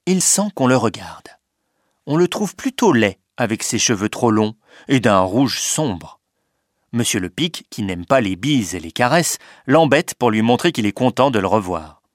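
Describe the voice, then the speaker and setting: A man narrating a storybook reading in a lively, expressive way. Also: fairly low pitch, moderate pace, no echo, studio quality.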